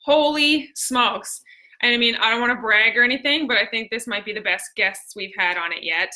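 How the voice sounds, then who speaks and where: A woman's voice: a little high, normal speed, pushed and bright, low-quality recording. A woman with a Newfoundland accent hosting a casual live stream, chatty and exclamatory, with plenty of slang. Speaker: host.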